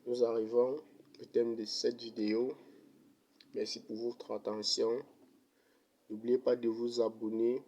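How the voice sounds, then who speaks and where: A man's voice: mid-range voice, slight background noise. A man explaining an economics derivation step by step in a methodical lesson, ending with thanks and a sign-off. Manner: slow, methodical, even delivery. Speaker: economics teacher.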